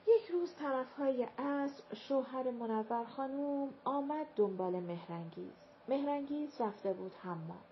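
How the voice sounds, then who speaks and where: A woman reading a novel aloud in calm, measured scripted narration. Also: sits high. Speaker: audiobook narrator. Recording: dull lo-fi recording with faint hiss.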